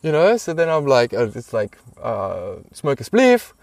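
A man's voice: mid-range voice, wildly swooping pitch, measured pace, a little mellow, distant mic. A man, the guest, telling a rambling personal story in casual talk, swearing freely and using many fillers.

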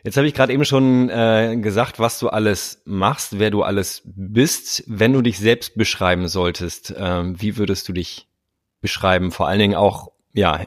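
A man's voice: deep voice, dry recording, clean studio sound. A man hosting his own podcast, asking long, rambling questions in a friendly way. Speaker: podcast host. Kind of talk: conversational interview.

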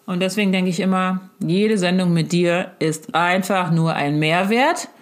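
A woman's voice: fairly low pitch, unhurried. A middle-aged woman, a mother, talking into a handheld phone to her grown daughter in a casual, effusive and rambling video message.

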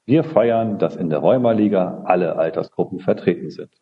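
A man hosting a podcast, with a lively, expressive delivery. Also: sits low, normal speed, lo-fi sound. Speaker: podcast host, social counselor. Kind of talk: podcast moderation.

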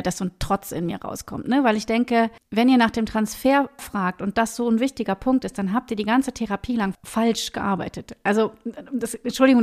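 A woman with a slightly high voice talks about teaching singing in a relaxed podcast conversation. She is lively and keeps slipping into small acted-out exchanges with her students, recorded on a podcast microphone. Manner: animated, acts out little dialogues in voices.

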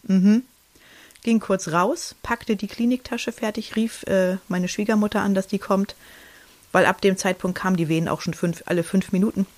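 A woman's voice: medium pitch, steady tone, normal speed. A woman in her thirties chatting casually on a podcast, telling a personal story with many fillers and restarts and acting out what people said. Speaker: podcast co-host.

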